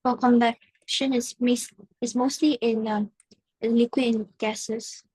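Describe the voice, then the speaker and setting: A young female student answers her tutor in short, agreeable replies. Her voice is fairly high and a little husky. The recording is dry and close, with no room echo. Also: steady tone, unhurried, darkish tone.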